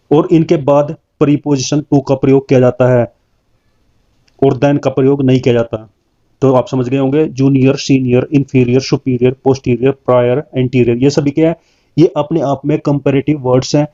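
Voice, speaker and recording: A man teaching a grammar lesson, reading word lists slowly and then explaining each rule. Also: medium pitch, mellow. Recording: dull lo-fi sound.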